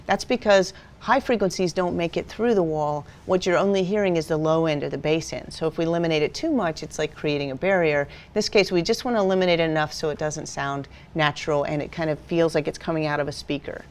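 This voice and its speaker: A woman with a lower-pitched voice walks through a software tutorial one step at a time. She explains patiently and plainly, like a teacher guiding a class. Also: fast, few pauses. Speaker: video editing instructor. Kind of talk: screen-recorded software tutorial.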